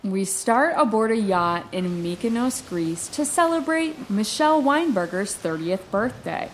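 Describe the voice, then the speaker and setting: A woman's voice: mid-range voice, expressive, unhurried, slight background noise. A woman hosting a true-crime review podcast, retelling the story with playful, sarcastic asides. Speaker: podcast host.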